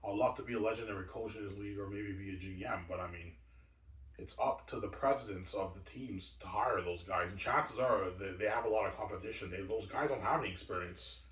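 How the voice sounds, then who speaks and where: This man in his forties, a video host, has a lowish, slightly bright voice and talks fairly quickly. In a long, rambling monologue he repeats himself, stumbles verbally, and answers questions he poses, all captured in an echoey room at a distance from the mic.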